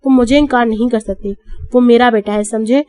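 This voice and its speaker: A woman voicing an angry, grieving aunt in an audiobook, shrill and accusing. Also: fairly even intonation, a little mellow, close to an everyday voice. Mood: furious. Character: furious grieving middle-aged aunt.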